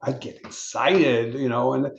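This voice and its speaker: A man's voice: medium pitch, measured pace, vocal fry, roomy sound. An older man, a guest on an interview show, telling rambling stories about his music career with frequent restarts and stammers. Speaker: interview guest, solo performer. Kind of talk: casual interview chat.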